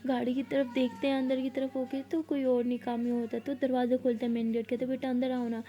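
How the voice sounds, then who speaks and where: A woman telling a story in a loose, chatty way, her voice sitting a little high. The tone is mellow and soft-edged rather than bright. She moves through the scenes like she is recounting them to a friend. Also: flat delivery. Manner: conversational, loosely paced retelling. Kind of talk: casual storytelling narration.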